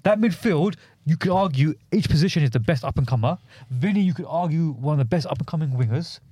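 A man's voice: fairly high pitch, expressive, fast, dark tone, no room sound. A young man with a London roadman accent, chatting about football in a slangy, insistent way. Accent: London roadman, multicultural urban slang. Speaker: football podcast co-host. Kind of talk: casual football banter.

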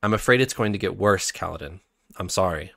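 A man's voice: sits low, brisk, creaky, fairly bright tone, no room sound, full character voice. Wry male jester, read by a man: frank, kind, dry delivery, slightly lifted voice, dry close sound. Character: wry older male court jester, blunt yet kind.

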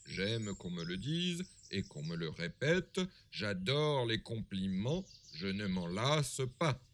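A man voicing a boastful big bad wolf in a storybook reading, loud and swaggering. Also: on the low side, very animated, slow, a little hiss or hum, exaggerated voice. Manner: loud, swaggering, self-satisfied.

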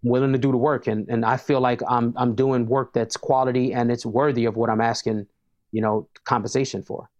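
A man's voice: medium pitch, little pitch movement, fairly quick, a little mellow, highs cut off. Hip hop guy chatting easy, repeats himself a lot, mid voice. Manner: laid-back, emphatic, repeats words when starting. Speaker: hip hop artist guest. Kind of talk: casual interview chat.

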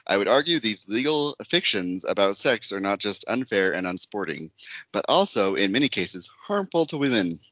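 A man's voice: fairly low pitch, big pitch swings, normal speed, bright, forceful tone, no echo. A man co-hosting a podcast in casual chat, laughing often, swearing freely and reading article passages aloud with sarcasm. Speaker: podcast co-host.

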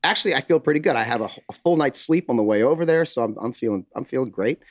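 Animated man telling a story. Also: medium pitch, quick pace, no room sound, clean studio sound. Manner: animated anecdote teller, voices rise with excitement. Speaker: podcast co-host. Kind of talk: casual chat, storytelling.

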